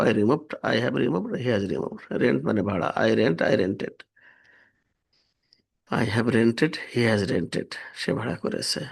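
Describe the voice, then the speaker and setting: A man with a medium-pitched voice and some vocal fry teaches English vocabulary. He steadily reads through lists of verb forms along with their meanings and translations.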